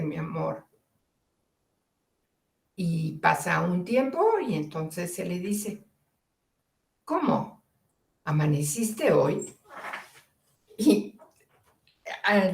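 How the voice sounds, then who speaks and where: Female lecturer, Mexican Spanish accent, unhurried, deliberate explanations, roomy sound. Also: medium pitch, vocal fry. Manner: slow, deliberate, repeats key phrases. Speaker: teacher. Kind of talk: lecture on logic and fallacies. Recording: echoey room.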